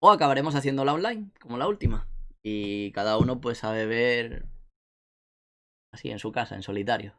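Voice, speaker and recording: A man's voice: mid-range voice, a little fast, pushed and bright. A young man from Spain with an Asturian accent, chatting casually on a live stream and reading chat messages aloud with a joking tone. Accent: Asturian Spanish.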